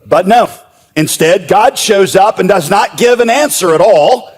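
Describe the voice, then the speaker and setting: A man preaching a sermon as pastor, with humorous storytelling and lively asides. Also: high voice, measured pace. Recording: echoey hall.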